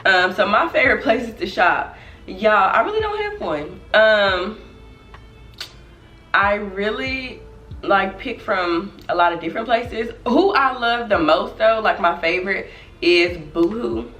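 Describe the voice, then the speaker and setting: A woman's voice: mid-range voice, measured pace, recorded from a distance. A young woman from Dallas, chatting casually to camera as a vlogger, her voice slightly nasal from a cold. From Dallas, Texas. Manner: chatty and relaxed, laughs often. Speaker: vlogger host. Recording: echoey room, voice off-mic, faint music.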